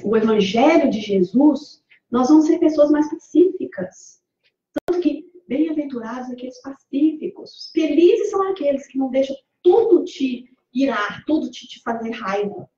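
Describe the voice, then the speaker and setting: Brazilian woman, spiritual talk, chatty, quizzes the room; dark mellow tone, dull distant recording. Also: on the high side. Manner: conversational, asks the audience questions, acts out quoted speech. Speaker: speaker giving a Spiritist talk. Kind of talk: lecture to a congregation. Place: community hall. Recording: far from the mic, echoey hall, dull lo-fi sound.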